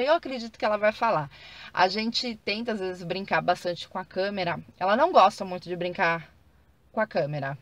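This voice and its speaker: A Brazilian woman talks straight to her viewers in a relaxed vlog, filling pauses with little connecting words. Her voice sits at a middle pitch. The sound is dry and close, with no room echo. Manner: chatty, many fillers like "então, assim". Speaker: vlogger. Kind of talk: casual vlog talk to viewers.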